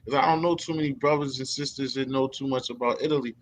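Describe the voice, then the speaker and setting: A man's voice: mid-range voice, steady tone, fast talker, a little hiss or hum. A man hosting a casual interview, talking in a loose, rambling way with lots of fillers. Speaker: host.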